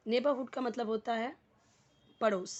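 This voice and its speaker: A woman's voice: fairly high pitch, fairly even intonation, lo-fi sound. A woman from India with an Indian English accent, teaching an English lesson in a mix of Hindi and English, explaining patiently and often checking that students follow. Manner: explains slowly, often asks "ठीक है?" to check understanding; mixes Hindi and English in one sentence.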